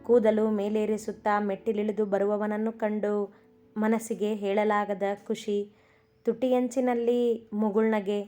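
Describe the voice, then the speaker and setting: A woman's voice: medium pitch, little pitch movement, a little slow, mellow. Woman narrating a story over faint music.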